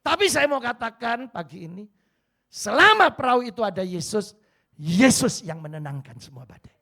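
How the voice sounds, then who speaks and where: A man's voice: high voice, sing-song, normal speed, bright, forceful tone. A male pastor with an East Javanese accent preaching a sermon, acting out little scenes and slipping into Javanese phrases. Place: church hall.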